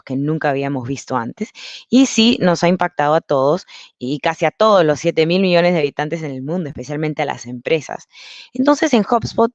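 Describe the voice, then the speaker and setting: The speaker is a woman from Peru, a marketing consultant invited as a guest, presenting an upbeat online masterclass step by step on a video call. Her low voice has a darkish tone, and the recording is dry and muffled.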